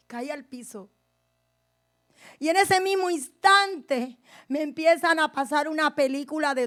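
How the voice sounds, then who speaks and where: A woman pastor with a high, bright-toned voice, telling her conversion story in a sermon. She addresses the congregation directly and moves between quiet, intimate moments and loud, forceful declarations. Her delivery is passionate and personal. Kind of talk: testimony in a sermon.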